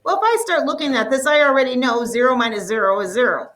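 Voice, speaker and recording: A woman teaching a math lesson to a classroom, explaining step by step and slowly drawing out the numbers. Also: high voice, fairly bright tone, far from the mic, poor audio.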